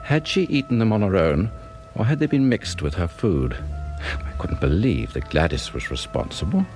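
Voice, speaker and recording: A British man plays an anxious, suspicious professor who narrates his own unravelling marriage in a radio drama, serving as both narrator and lead actor. His lowish, darkish voice swings hugely in pitch at normal speed, formal and brooding with shifting emphasis, in a suspicious, uneasy mood. Faint music plays behind him.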